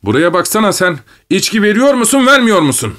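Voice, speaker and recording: Guy doing a young peasant lad being sent off as a soldier, voice pushed way up, yelling and bitter. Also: medium pitch, expressive, normal speed, voice pushed up, lightly acted. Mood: raging, shouting. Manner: pleading, then yelling wildly. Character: young male peasant conscript, desperate and volatile.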